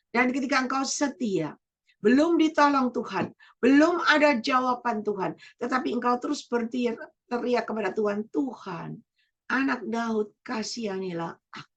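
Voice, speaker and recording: Woman evangelist, fairly high voice, repetitive emphatic preaching. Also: fairly bright tone. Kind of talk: sermon.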